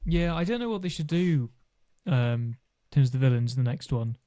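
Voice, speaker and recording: A man's voice: medium pitch, animated, brisk, warm tone, no room sound. A man chatting casually about films as a podcast co-host, thoughtful and a little hesitant. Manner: thoughtful, hesitant, acts out conversations. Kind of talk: casual film discussion.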